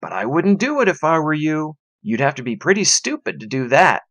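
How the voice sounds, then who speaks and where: A man's voice: fairly high pitch, big pitch swings, brisk, a bit bright, no room sound, pitched above the performer's own voice, full character voice. A man voicing a glum, matter-of-fact young boy with a plainspoken, wry manner. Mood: wry resignation.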